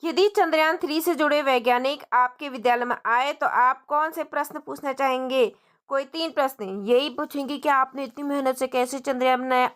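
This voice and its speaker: Woman teacher, high voice, simple words and bits, keeps asking the kids stuff. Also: fairly bright tone. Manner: explains in simple Hindi mixed with English words; friendly, asks the children questions as she goes. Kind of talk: textbook lesson for young children.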